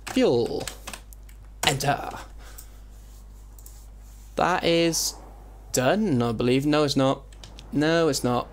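A man's voice: medium pitch, slight background noise. A man casually commentating his gameplay through a heavily compressed mic, muttering to himself as he builds, with keyboard clicks audible. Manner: muttering to himself while building, self-mocking. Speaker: let's play host. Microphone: desk mic with compressor. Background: keyboard typing.

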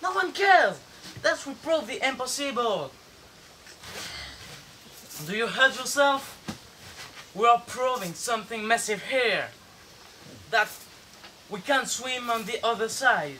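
A bossy, defiant runaway boy played by a man pushes his companions on in a bright, high voice. His tone turns mocking and insistent. Faint noise sits under the outdoor stage. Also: lively intonation, slow, pauses often, exaggerated voice. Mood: urging.

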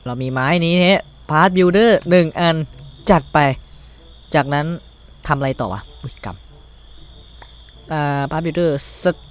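A man's voice: a little high, slow, long pauses, clean tone. A teenage boy with a Thai accent, rambling to himself as he plays and crafts in a survival game, swearing casually. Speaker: gaming YouTuber. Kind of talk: Minecraft let's play commentary.

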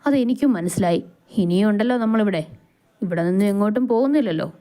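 A woman voicing a loyal young male friend who is quick and irritated. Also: mid-range voice, expressive, mellow, lightly acted. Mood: brisk.

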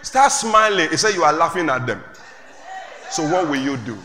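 A male pastor preaching a sermon to a congregation, calling out questions and rising to shouts. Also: fairly high pitch, lively intonation, moderate pace. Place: church hall with congregation. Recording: echoey church hall, faint room noise.

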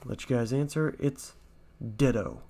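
A man's voice: medium pitch, sing-song, a little slow, gravelly, a little hiss or hum. Self-mocking man doing quiz commentary. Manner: self-mocking, thinks out loud. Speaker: YouTuber reacting to a quiz. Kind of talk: casual quiz reaction commentary.

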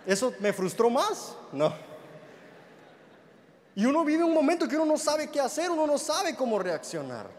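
High-voiced young preacher in a hall. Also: male voice, sing-song, normal speed, pauses often, a little mellow. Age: young adult. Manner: storytelling with humor, acting out dialogue. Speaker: pastor. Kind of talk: sermon. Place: large church hall. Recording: reverberant hall with faint noise.

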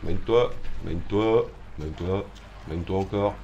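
A man's voice: sits low, normal speed, a little mellow, lo-fi sound, slight background noise. A man streaming a horror game, commentating live, swearing and taunting the enemy with mock drama.

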